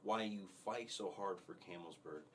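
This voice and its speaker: A man hosts a casual interview in a fairly low voice. He asks friendly, encouraging questions and restarts his sentences as he goes. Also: moderate pace, very noisy. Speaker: interviewer, host.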